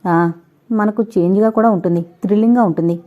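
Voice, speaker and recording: A woman's voice: medium pitch, brisk, narrow, tinny audio, close to an everyday voice. A woman voicing a playful, affectionate young husband in an audiobook. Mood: teasing. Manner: playful, teasing.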